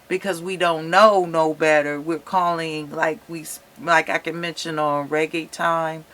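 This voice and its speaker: A man's voice: a little high, flat delivery, unhurried, pushed and bright. A man co-hosting a casual interview, putting questions in a wordy, roundabout way. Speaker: interviewer and co-host.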